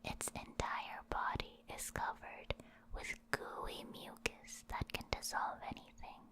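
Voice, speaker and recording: An ASMR host, a woman, reads reference entries in a breathy, unvoiced whisper, pacing her phrases slowly with deliberate gaps.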